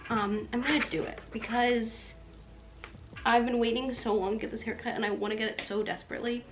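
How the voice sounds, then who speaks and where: A woman's voice: medium pitch, slight background noise, low-quality recording. A woman in her twenties chatting casually to her vlog audience in informal, youthful slang.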